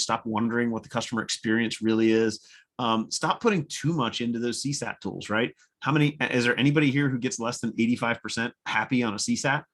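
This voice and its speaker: A man giving a conference-style talk to business owners, blunt and energetic, with casual swearing and acted-out customer dialogue. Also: medium pitch. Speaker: presenter. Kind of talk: conference talk replayed on a webinar.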